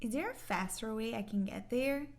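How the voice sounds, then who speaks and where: A woman's voice: fairly high pitch, measured pace. A woman playing a visitor who politely asks for directions in a scripted practice dialogue.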